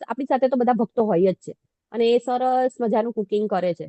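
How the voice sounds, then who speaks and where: A woman with a high, bright-pitched voice leads a devotional class, chatty and self-deprecating. She keeps turning to her listeners with questions. The sound is close and dry, with no room echo. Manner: conversational, self-deprecating, asks the audience questions. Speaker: devotee giving a scripture class.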